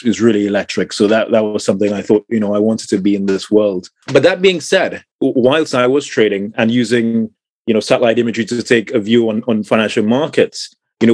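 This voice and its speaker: A man's voice: fairly low pitch, darkish tone, no room sound. A man from Trinidad, middle-aged, answering interview questions thoughtfully, with many fillers and repeated words. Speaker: guest, climate tech entrepreneur.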